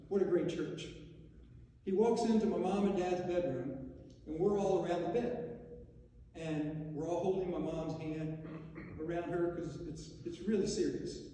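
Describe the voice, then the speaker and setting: A man's voice: high-pitched, warm tone, a little hiss or hum. A middle-aged man giving a eulogy for his mother, telling anecdotes and joking with the audience in a large church. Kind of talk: humorous eulogy storytelling. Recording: echoey church hall from far off.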